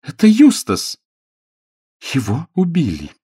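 A man's voice: mid-range voice, wildly swooping pitch, moderate pace, mellow, husky, dry recording, clean studio sound, pitched above the performer's own voice, full character voice. Man putting on a cold, tense young woman. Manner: strained, cold.

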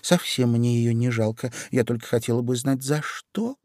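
A man's voice: mid-range voice, normal speed, a little mellow, dry recording, lightly acted. A man voicing a polite but bold young girl in a storybook reading, close to his own voice. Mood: plucky.

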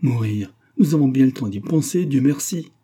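An elderly, devoted nurse from a storybook soothes and fusses tenderly. A man plays her, lifting his dark, husky voice. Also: medium pitch, expressive, normal speed, pitched above the performer's own voice. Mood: fussing. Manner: soothing, fussing. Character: old devoted female nurse, gentle and fussing.

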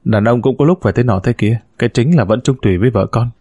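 A man voicing a smooth-talking scheming husband, a con man who speaks in a glib, persuasive way, in a spoken story. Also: mid-range voice, fast talker, dark tone, no room sound, studio quality.

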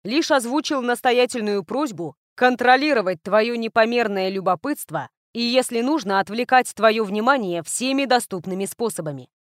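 Woman reading young male heir, calm, guarded, flat emotionless tone, storybook, slightly high voice, dry close sound. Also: moderate pace, few pauses, dry recording, close to an everyday voice. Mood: cool, level. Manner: even, emotionless tone.

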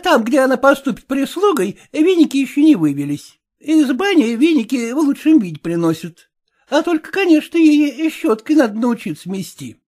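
A woman voicing a kindly, practical household cook who instructs gently and coaxingly. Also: high voice, sing-song, moderate pace, voice pushed up.

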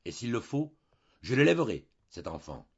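A man's voice: low-pitched, sing-song, moderate pace, slightly rough, full character voice. A man voicing a young wife, earnest and stubborn, pleading and insistent, on a dull lo-fi recording.

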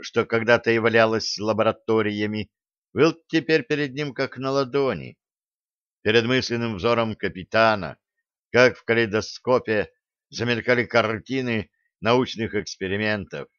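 A man narrating a science-fiction audiobook in an even, steady reading voice. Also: mid-range voice, no echo. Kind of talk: scripted narration. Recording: dull lo-fi audio.

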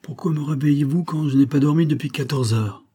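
A man's voice: on the high side, a little fast, warm tone, voice pushed up. A man doing a bitter, feverish vagabond. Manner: gruff and bitter. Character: sick, vengeful, exhausted male vagabond.

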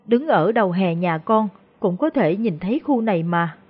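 A woman's voice: mid-range voice, lively intonation, normal speed, husky. A woman voicing a stammering frightened peasant woman. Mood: anxious pleading. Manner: stammering, deferential. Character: frightened humble peasant woman, older sister. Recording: dull lo-fi recording.

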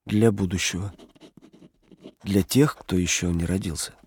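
An actor playing a weary male clerk in his late thirties, speaking slowly and brooding, in an audio drama. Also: deep voice, fairly even intonation, a little mellow. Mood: quiet. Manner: slow, brooding, growing defiant.

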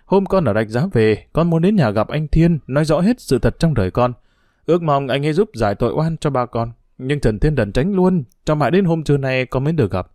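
A man's voice: fairly high pitch, animated, a little fast, a little mellow, no room sound, studio quality, lightly acted. A man voicing an earnest, grieving young woman who pleads with her parents in a read-aloud novel.

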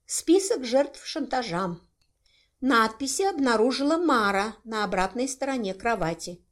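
A woman reading an audiobook, voicing a gruff, weary male police officer who speaks curtly and sternly. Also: very high voice, animated, a little slow, a bit bright, full character voice. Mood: grim.

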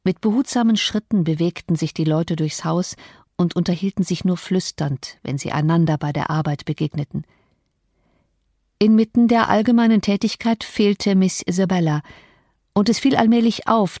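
A woman narrating a classic novel as an audiobook, in measured, even storytelling. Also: on the low side, no room sound, studio quality. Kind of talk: scripted literary narration.

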